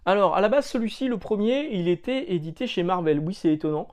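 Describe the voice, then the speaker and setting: A man's voice: high-pitched, expressive, a little fast, darkish tone. Chatty French man reviewing comics. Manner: chatty, many hesitations and fillers; jokey, loose slang.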